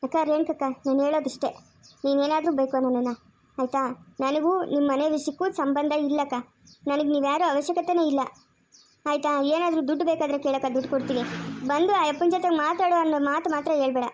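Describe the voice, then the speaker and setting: A woman's voice: high-pitched, steady tone, quick pace, natural voice. A woman playing a bitter, defiant young mother. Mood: refusing. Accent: rural Chikkaballapur Kannada. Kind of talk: amateur family drama acting.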